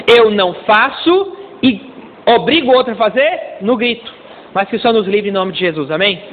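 A middle-aged Brazilian man preaching a lively, humorous sermon as a pastor, acting out small dialogues and calling for amens. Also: sits high, slight background noise. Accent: Brazilian Portuguese. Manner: playful, acts out little dialogues, calls for amens. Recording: tinny lo-fi recording in a long-reverb hall.

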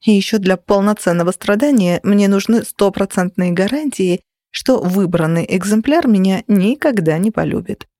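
A woman's voice: medium pitch, lively intonation, moderate pace, few pauses, mellow, dry recording, clean studio sound. A woman narrating a first-person novel in a wry, self-mocking storytelling manner. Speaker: audiobook reader.

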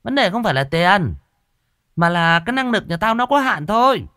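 A man voicing a shrill, bossy middle-aged female village medium who talks down to people. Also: very animated, moderate pace, sharp tone, dry recording, clean studio sound, exaggerated voice. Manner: brusque, scolding, self-important.

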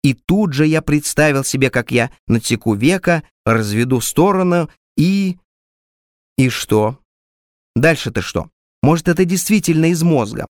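A man narrates a literary story in a measured, wry first-person manner. His voice sits somewhat higher than most men's. The close recording is completely dry. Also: expressive, no room sound. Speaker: audiobook narrator.

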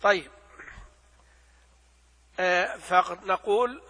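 Guy teaching a lesson, high voice, asks n answers his own questions, lots of hall echo. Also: sharp tone. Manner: explains by asking and answering his own questions, recites examples slowly. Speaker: religious teacher. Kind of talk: lecture explaining a classical text.

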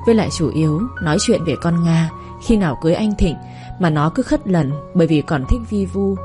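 A woman reading a first-person story in a calm, even way, over faint music. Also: on the low side, brisk. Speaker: narrator.

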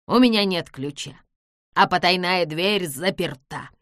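A woman voicing a vengeful, gloating little old man who shouts and cackles in an audiobook. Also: fairly low pitch, unhurried, no echo, studio quality. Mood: bitter.

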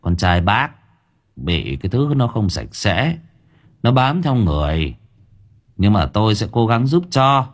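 Man doing a bossy young exorcist: low, husky, teasing and menacing. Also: heavily acted. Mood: calm. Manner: sweet-talking then threatening, teasing. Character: sly, domineering young male exorcist master.

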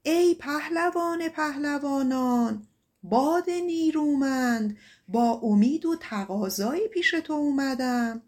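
A woman's voice: sits high, animated, darkish tone. A woman voicing a brave young male shepherd in a folk tale, pleading earnestly in a raised voice.

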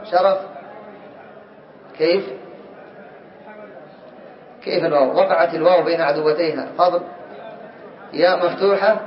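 A man teaching a class, quizzing his students and calling on them, slowly repeating key words. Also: fairly high pitch. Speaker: teacher of Arabic morphology. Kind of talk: classroom lecture. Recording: distant, roomy, dull lo-fi recording.

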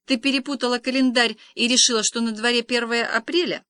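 A woman's voice: on the high side, steady tone, brisk, bright, forceful tone, dry recording, pitched above the performer's own voice. A woman reading the part of a sarcastic young man who teases his siblings. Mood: mocking. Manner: sarcastic, exclaiming. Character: indignant young man, teasing older brother.

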